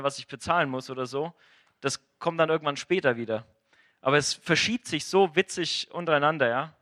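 A man's voice: a little high, bright, forceful tone. A man chatting casually and frankly about faith and money, opinionated and talkative.

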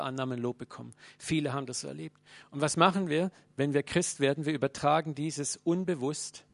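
Male preacher with a raised, gravelly voice, earnest sermon delivery, addressing the congregation directly. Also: fairly high pitch, no room sound. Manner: earnest preaching, speaks straight to listeners, swings between loud and hushed.

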